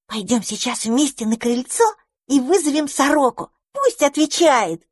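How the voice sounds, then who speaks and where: A woman voicing a young boy mouse, eager and kind, talking in an excited way. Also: high voice, measured pace, dry recording, studio quality, voice pushed up. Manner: excited, bright-eyed.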